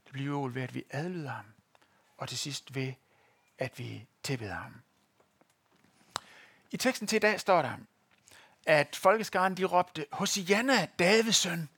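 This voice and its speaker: A man's voice: mid-range voice, lively intonation, vocal fry, long pauses, fairly bright tone, slightly rough, no room sound. A man preaching a sermon to a congregation, telling stories and addressing listeners directly. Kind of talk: sermon with a live demonstration. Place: church in front of a congregation.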